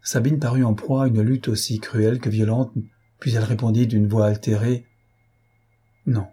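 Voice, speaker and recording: A man reading a novel aloud in a measured, solemn narration. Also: mid-range voice, flat delivery, mellow, husky. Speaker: reader.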